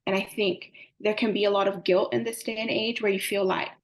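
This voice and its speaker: A woman's voice: medium pitch, flat delivery, brisk. Earnest young woman. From Samoa. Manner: earnest, fluent, frequent "like" and "um" fillers. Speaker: climate advocate guest. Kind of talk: interview answers.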